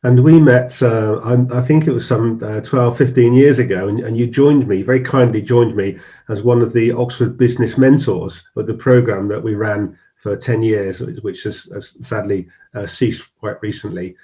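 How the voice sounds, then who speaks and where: A middle-aged man hosts a business talk show, interviewing a guest in a friendly but hesitant way, with frequent restarts and fillers. His lowish, mellow voice is steady, at normal speed with few pauses.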